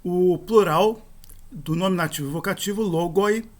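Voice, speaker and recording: A man's voice: high-pitched, moderate pace. A man, teaching a grammar lesson and spelling out endings and rules step by step.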